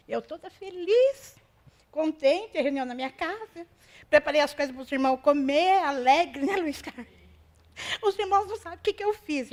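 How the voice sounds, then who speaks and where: Brazilian woman, very high-pitched, exclamatory testimony before a congregation. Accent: Brazilian Portuguese. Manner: emotional, self-deprecating, exclamatory. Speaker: church member giving testimony.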